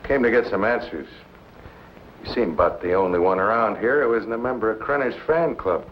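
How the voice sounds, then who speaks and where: An actor playing a cynical, hard-boiled safecracker in a vintage B-movie, talking in curt, tough slang. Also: male voice, lowish voice, brisk, natural voice. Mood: wary, probing. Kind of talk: vintage B-movie film acting. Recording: muffled old film soundtrack, noisy.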